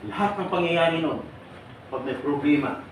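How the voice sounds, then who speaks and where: A fairly high-pitched middle-aged man talks at normal speed during a lively seminar lecture to a live audience, putting questions to them and often joking and laughing. He's recorded from afar in a noisy, echoing room.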